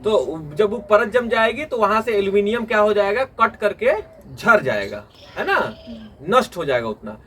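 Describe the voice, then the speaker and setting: A man's voice: high-pitched, expressive, normal speed, bright, forceful tone, recorded from a distance, slight background noise. Man teaching a class. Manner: asks students questions and has them answer back. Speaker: tuition teacher. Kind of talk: classroom lecture with questions to students. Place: small classroom with students. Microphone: phone recording the class.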